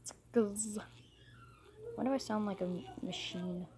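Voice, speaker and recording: A woman's voice: medium pitch, fairly even intonation, measured pace, dark tone, a little hiss or hum. Woman with glitchy half-robot voice. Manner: chatty and self-mocking. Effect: glitchy, half-robotic voice distortion. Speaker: gaming channel host. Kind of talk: casual gameplay commentary.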